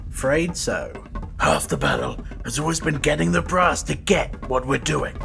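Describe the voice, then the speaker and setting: A man's voice: mid-range voice, huge pitch swings, normal speed, creaky, over music, heavily acted. A man playing an easygoing, dryly amused spacefarer in a sci-fi audio drama.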